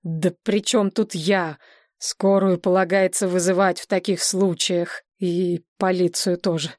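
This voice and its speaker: A woman reading an audiobook, voicing an aging male writer who talks in a low, tired, strained way. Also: level tone, a little slow, a little mellow, dry recording, studio quality, close to an everyday voice. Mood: irritated.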